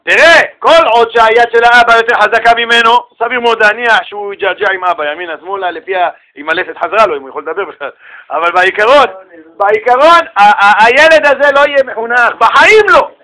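Male religious teacher, lively storyteller, high ringing voice, acts out the people in his stories. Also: rough recording. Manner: rhetorical questions to the audience. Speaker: Torah teacher. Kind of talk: religious lesson.

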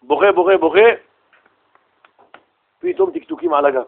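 A man tells a religious parable with lively, slang-filled energy and slips into each character's voice. His voice is notably high for a man. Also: gravelly, phone-quality sound. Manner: animated, slangy, acts out characters. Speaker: religious storyteller. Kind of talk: lively religious storytelling talk.

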